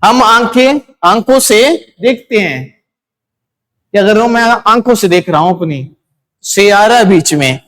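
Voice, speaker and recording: A man's voice: high-pitched, lively intonation, unhurried, a bit bright. A man teaching a Hindi grammar lesson, asking questions and answering them himself, repeating key words for his students.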